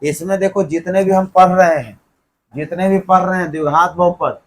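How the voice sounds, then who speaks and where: A man lecturing a classroom in with a tinge, his voice sitting a bit high. He fires questions at the class and fills in the answers himself, keeping the lesson moving. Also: fairly even intonation, moderate pace, poor audio. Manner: keeps quizzing the class, then answering himself. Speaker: teacher. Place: classroom with students.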